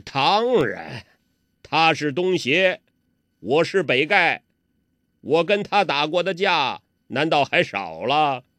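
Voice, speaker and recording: A man voicing a jovial old male beggar martial master who talks in a loud, gruff, bantering way. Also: on the high side, sing-song, slow pace, no room sound, exaggerated voice. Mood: dry.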